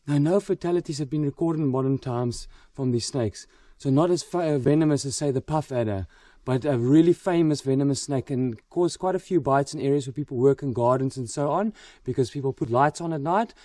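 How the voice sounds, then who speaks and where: A man presenting wildlife to camera outdoors at night, full of wonder and often dropping to a hushed, gentle voice. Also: medium pitch, brisk, few pauses, no room sound, recorded from a distance. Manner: awed, repeats exclamations of wonder. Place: outdoors at night in a forest by water.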